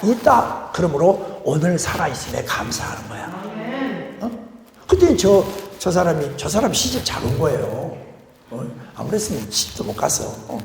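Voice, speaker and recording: A man's voice: fairly high pitch, very animated, normal speed, creaky. An older man preaching a guest sermon in a church, folksy, with joking asides to the congregation. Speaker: guest pastor. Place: church sanctuary. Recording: echoey church hall.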